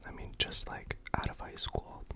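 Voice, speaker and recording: A young adult with an American accent tells casual, self-effacing personal stories in an ASMR mukbang whisper, chewing while talking between bites. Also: normal speed. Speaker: video creator and actor.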